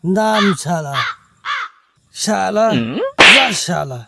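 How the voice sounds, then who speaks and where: A man playing a belligerent, foul-mouthed village drunk in a comedy skit, cursing and shouting. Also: sits high, drawn-out words, vocal fry, very noisy, heavily acted. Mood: angry, belligerent.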